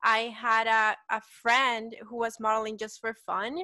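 A woman's voice: fairly high pitch, monotone, a little slow, bright, forceful tone, no room sound. A woman in her twenties from El Salvador with a Salvadoran Spanish accent, chatting casually as an interview guest and saying "like" a lot. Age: 20s. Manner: chatty, uses "like" often. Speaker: guest, petite model.

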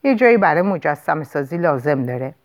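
Weary oddball dad, calm and offhand, lowish voice, woman reading him in an audiobook. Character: weary eccentric middle-aged father.

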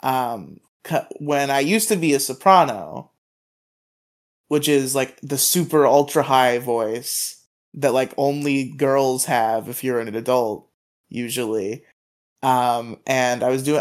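A man's voice: mid-range voice, slow. A man co-hosting a podcast, telling long rambling stories in casual chat and stammering often. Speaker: podcast co-host.

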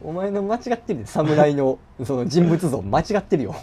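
Young Kansai man bantering, lively pitch. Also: over a noisy crowd. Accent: Kansai Japanese. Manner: bantering, quick to laugh and protest. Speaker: podcast co-host. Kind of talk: casual chat. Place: home.

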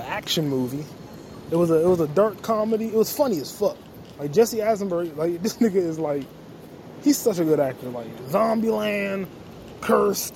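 A young solo podcast host strolls a quiet street at night, swearing, joking, and rambling loosely. He has a high voice with a dark tone, and there is slight background noise.

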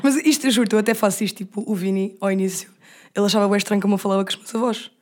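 A young woman from Caldas da Rainha with a European Portuguese accent, co-hosting a podcast in animated, slangy banter and imitating voices. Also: mid-range voice, rapid-fire. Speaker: podcast co-host. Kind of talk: casual chat.

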